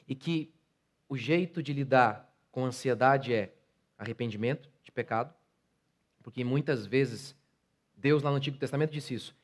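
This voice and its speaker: A man in his forties with a Brazilian Portuguese accent, a pastor giving a sermon who moves between quiet personal stories and loud impassioned preaching. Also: medium pitch. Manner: builds from calm storytelling to loud impassioned preaching.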